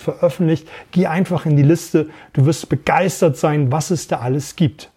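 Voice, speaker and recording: A man's voice: a little high, mellow, slightly rough. A middle-aged man hosting a podcast, talking energetically about sales and voice work, repeating phrases and showing voice techniques. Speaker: podcast host and sales trainer. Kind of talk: casual podcast monologue.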